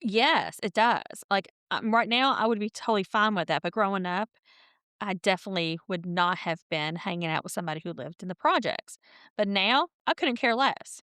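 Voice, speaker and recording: A woman with a medium-pitched, fairly bright voice co-hosts a podcast, chatting casually at a moderate pace and laughing often as she tells stories. She's older than her co-host, and the audio is studio quality with no room sound.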